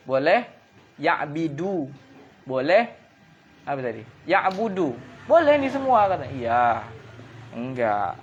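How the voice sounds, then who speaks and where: A man teaching religious texts, reading Arabic slowly and then explaining in quick, colloquial asides. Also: fairly high pitch, slight background noise. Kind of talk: kitab study lesson. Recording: dull lo-fi recording with faint ambience.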